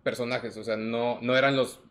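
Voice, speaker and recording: Mexican man telling animated pop-culture stories. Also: moderate pace. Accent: Mexican Spanish. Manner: animated storyteller, acts out quotes in a higher voice. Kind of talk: casual chat about music cameos.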